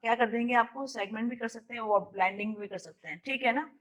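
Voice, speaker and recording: A woman with a Pakistani Urdu accent runs an online teacher training session. Her voice sits a little high, and she explains patiently, dropping English words into her sentences. She breaks words apart into single sounds as she teaches. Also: quick pace, a bit bright, poor audio.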